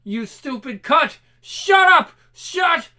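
Brief: a young grieving game character, high, bright, shouting at full force, profane. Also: male voice, expressive, slow, exaggerated voice. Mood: raging. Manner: screaming, furious, profane. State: shouting in rage. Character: young man raging over his dead girlfriend. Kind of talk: video game cutscene acting.

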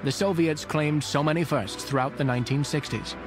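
Male documentary narrator over clear music. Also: fairly high pitch, a little fast. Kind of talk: scripted historical narration. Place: voice-over recording with music behind.

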